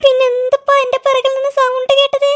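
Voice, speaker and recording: A voice artist with a Malayali accent playing jittery, easily frightened young boys in a cartoon, chattering fast and wailing in fright. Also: very high voice, completely flat delivery, a bit bright. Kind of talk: cartoon voice acting.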